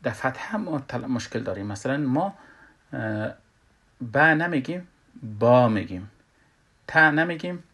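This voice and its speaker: A man with an Afghan Dari accent teaching a Quran recitation lesson, pausing often with filler sounds and loudly sounding out letters and vowels. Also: medium pitch, very animated. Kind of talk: tajweed lesson.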